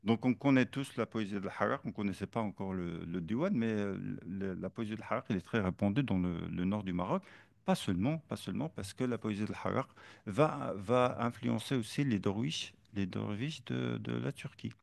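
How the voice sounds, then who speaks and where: A man's voice: lowish voice, a little fast, gravelly, no room sound. A man giving an academic seminar lecture, hesitant with many fillers and restarts, now and then reciting Arabic verse and metrical feet. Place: seminar room.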